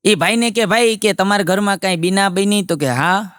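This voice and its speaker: A man telling a long joke with lively storytelling. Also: sits high, moderate pace, clean tone. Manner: lively storytelling, voices rising for punchlines. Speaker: stand-up comedian.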